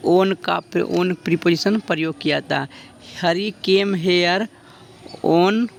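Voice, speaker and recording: Man, high pitched, gravelly, slow deliberate delivery, grammar lesson, faint background noise. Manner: slow, drawn-out dictation of example sentences. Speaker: English grammar teacher. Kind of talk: exam-prep grammar lesson.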